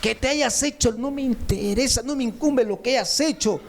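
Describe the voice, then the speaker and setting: A man's voice: extremely high pitch, normal speed, a little hiss or hum. A man preaching a sermon, speaking straight to his listeners and driving points home through repetition. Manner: repetitive emphatic phrasing, speaks directly to listeners. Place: church meeting room.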